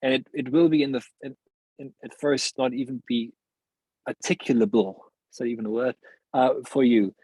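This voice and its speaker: Husky guy thinking out loud, lots of restarts, dead dry sound. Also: medium pitch, fairly even intonation, no room sound, poor audio. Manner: searching, halting phrasing with many restarts and laughs. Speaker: podcast guest, philosopher. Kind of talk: reflective interview conversation.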